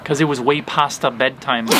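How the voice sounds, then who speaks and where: Man telling corny dad jokes, lively pitch. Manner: corny dad-joke delivery with pauses before punchlines. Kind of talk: casual joke-telling to camera. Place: outdoors against a house wall.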